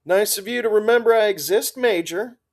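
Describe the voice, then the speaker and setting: A man's voice: high voice, takes it slowly, pitched above the performer's own voice. A man doing a playful, teasing woman soldier.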